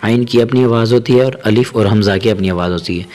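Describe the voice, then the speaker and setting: Patient man slowly teaching tajweed. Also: on the low side, darkish tone. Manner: patient and repetitive, drawing out syllables slowly, often asking "okay?"; brisk explanations between slow syllable drills. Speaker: Quran reading teacher. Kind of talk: step-by-step tajweed lesson, spelling out letters and vowels.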